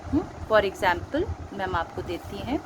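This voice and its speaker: A woman's voice: mid-range voice, big pitch swings, takes it slowly, noisy background. A woman teacher with an Indian accent patiently explaining grammar, mixing Hindi and English and quizzing her pupils with questions. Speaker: school teacher. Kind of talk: recorded online grammar lesson.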